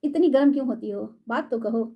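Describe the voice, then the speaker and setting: A woman's voice: fairly high pitch, fairly quick, muffled recording, close to an everyday voice. A woman voicing a stern young husband who questions curtly. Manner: curt and questioning.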